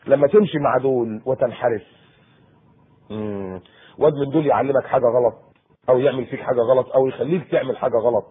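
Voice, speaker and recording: A man preaching to teenagers in Egyptian Arabic, in a colloquial, animated sermon with acted-out asides. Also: mid-range voice, breathy edge. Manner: animated, acts out a teen and mother in quoted asides. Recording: tinny lo-fi phone-like tape.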